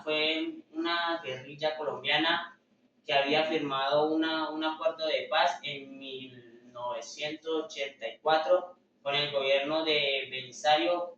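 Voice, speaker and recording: A man's voice: a little high, steady tone, slow, sharp tone, a little hiss or hum. Hesitant young man presenting in an echoey room. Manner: hesitant, filler-heavy, self-correcting. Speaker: student presenter. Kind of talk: class presentation. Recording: echoey room, far from mic, dull lo-fi.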